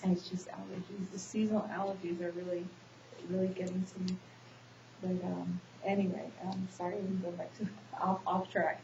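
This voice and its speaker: Congested woman counselor, hesitant and flat. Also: lowish voice, normal speed, vocal fry. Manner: hesitant, many ums and restarts. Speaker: social work student playing the counselor in a role-play. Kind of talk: counseling session role-play. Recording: echoey room, dull hissy recording.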